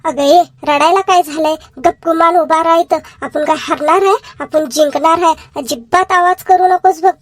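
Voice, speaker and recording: A woman's voice: very high voice, fairly even intonation, moderate pace, few pauses. A woman voicing a foolish husband in a cartoon who bets his own wife, brushing off her fears. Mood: cocky. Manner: cocky, dismissive. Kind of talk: cartoon voice acting.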